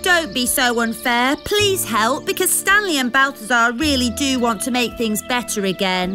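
A woman voicing a friendly young boy snail in a storybook reading, sometimes gruff. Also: on the high side, expressive, normal speed, sharp tone, faint music behind, voice pushed up. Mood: earnest. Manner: gruff, reasonable.

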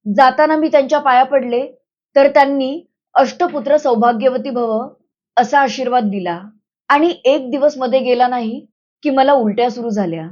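A woman's voice: sits high, moderate pace, darkish tone, lightly acted. A woman reading the lines of a frightened young village woman who speaks in a worried, pleading way, on a slightly dull recording. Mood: anxious.

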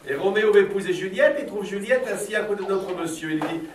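A man's voice: sits high, fast. A middle-aged man leading a philosophy session with children, asking playful, probing, teasing questions. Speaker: philosophy workshop leader for children. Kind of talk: Socratic questioning of a class. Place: school classroom with children. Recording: roomy, from a distance, faint background noise.

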